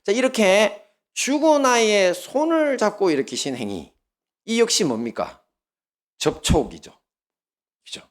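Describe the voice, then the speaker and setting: A man with a Gyeongsang Korean accent, a pastor, preaches a sermon full of lively stories and questions aimed at the congregation. His voice sits high, and he speaks at a measured pace with long pauses.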